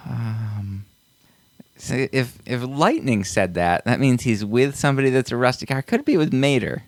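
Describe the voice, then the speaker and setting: A man's voice: medium pitch, moderate pace, no echo. A man co-hosting a casual podcast, thinking aloud with hesitant fillers while guessing at quiz answers. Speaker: podcast co-host. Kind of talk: casual chat.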